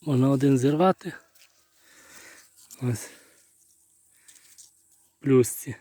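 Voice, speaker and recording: Ukrainian guy slowly talking thru his garden plants on a phone, dry close sound, crickets behind. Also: mid-range voice, mellow, dry recording. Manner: unhurried, halting, thinking aloud. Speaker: hazelnut nursery grower. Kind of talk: casual walk-through plant review. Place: outdoors in a garden.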